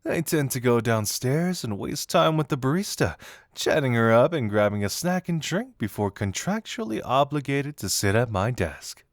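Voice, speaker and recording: Man acting Dazai, a teasing, lively flirt. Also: mid-range voice, no echo, clean studio sound. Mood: coy, confiding. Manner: teasing, theatrical, drawn-out words. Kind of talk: intimate roleplay audio acting.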